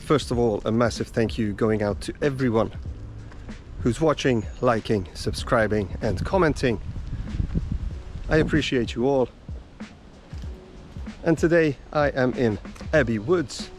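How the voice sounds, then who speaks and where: A drumming vlogger with a mid-range voice, originally from Slovakia, chats to camera in the woods as he casually introduces himself. He speaks slowly and easily with small pauses; the mic is distant, and faint music plays behind him.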